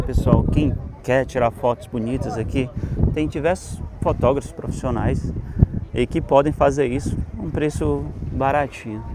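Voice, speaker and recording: A man casually narrating a travel vlog while walking around outside, chatting to his viewers like a tour guide. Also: medium pitch. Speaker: travel vlogger. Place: outdoors at a hilltop statue and cable car, city. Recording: loud outdoor noise and wind.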